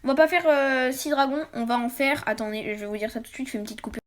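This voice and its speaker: A woman reading a book aloud for her channel. She often trips over words, corrects herself, and drops into quick, quiet asides. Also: high voice. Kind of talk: casual read-aloud with asides.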